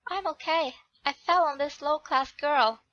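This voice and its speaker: A rude, arrogant young prince from a romance visual novel, haughty and quick to insult, as a woman reads him out. The voice stays high and bright, slow and unhurried. The recording is dry and a little dull. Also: lively intonation, no echo, full character voice.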